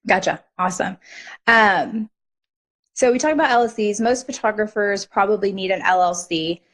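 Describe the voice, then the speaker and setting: Hoarse woman host on a live stream, chatty, nods along, recaps the guest's answers and reads questions. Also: mid-range voice, normal speed, fairly bright tone. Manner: chatty, affirming, summarizes the guest. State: hoarse from a lost voice. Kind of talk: live interview, asking questions. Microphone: online video stream.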